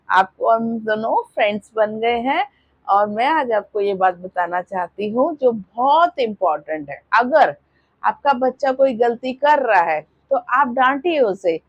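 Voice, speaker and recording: Indian woman teacher, high dry voice. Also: dry recording, highs cut off. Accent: Indian English. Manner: sing-song greetings, then earnest advice with tag questions. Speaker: preschool teacher. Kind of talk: warm advice to parents and kids.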